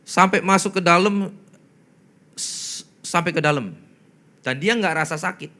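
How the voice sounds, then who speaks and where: A male pastor tells a story from the pulpit in a bright, forceful voice. He talks to his listeners directly, asks rhetorical questions and acts out the voices and sounds of the people in his story. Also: high voice, measured pace. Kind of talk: storytelling sermon.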